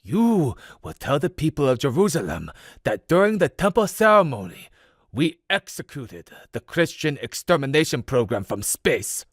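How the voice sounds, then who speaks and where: A man's voice: on the high side, very animated, moderate pace, slightly rough, no echo, clean studio sound. A man voicing a tyrannical male world leader who speaks in a harsh, commanding way. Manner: harsh, commanding, heavy accent.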